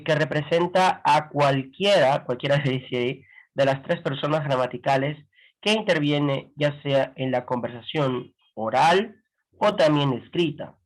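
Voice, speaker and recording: A man teaching a grammar lesson, explaining slowly and checking in with frequent rhetorical questions. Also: a little high, low-quality recording. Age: adult with a grown son.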